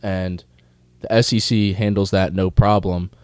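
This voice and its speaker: A young man with a smooth, resonant, slightly low voice chats about college sports. He gets animated, swears casually and drops into anecdotes, heard dry and close. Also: measured pace, dry recording. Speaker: podcast co-host.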